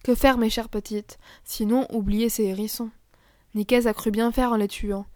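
Kind mom talking her girls down, gentle and calm, woman reading. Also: on the high side, moderate pace, no room sound, clean studio sound, lightly acted. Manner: gentle, reasoning. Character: kind, reasonable mother of two girls.

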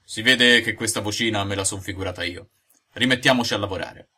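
A stammering old carpenter, jumpy and easily frightened, as a man plays him. His low voice is bright and husky, and it trembles over its words. It is a character in a storybook reading. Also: fairly quick, heavily acted. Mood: muttering. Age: older. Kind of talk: audiobook character voice.

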